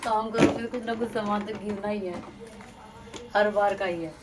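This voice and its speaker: A woman's voice: mid-range voice, fairly even intonation, moderate pace, recorded from a distance, rough recording. A young woman, a mother vlogging at home, chatting casually and talking in a playful sing-song way to her little daughter. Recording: loud background noise.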